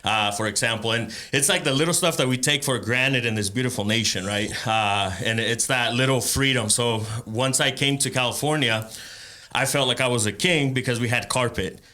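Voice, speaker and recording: A man from El Salvador, a rapper and entrepreneur, telling his life story as a podcast guest in a relaxed way, with frequent fillers and laughs. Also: medium pitch, moderate pace. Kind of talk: casual interview chat.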